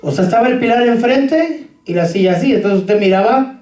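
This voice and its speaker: A man's voice: extremely high pitch, animated, a little fast, a little mellow. A man preaching a sermon as pastor, telling stories and speaking straight to the congregation. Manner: storytelling, addressing the congregation directly. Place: church hall. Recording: roomy echo, voice from far off.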